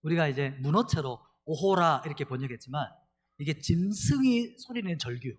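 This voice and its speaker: A middle-aged man delivers an animated sermon as pastor, calling the congregation to read scripture together. His voice sits a little high and has a husky edge. His pitch swings widely as he preaches. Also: a little fast.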